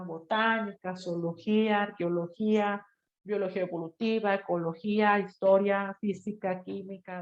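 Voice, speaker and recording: A woman teacher, giving a lively classroom lecture and listing terms with a casual "bla, bla". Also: medium pitch. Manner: lively, explanatory, lists terms and trails off with "bla, bla". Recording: echoey room, dull lo-fi sound.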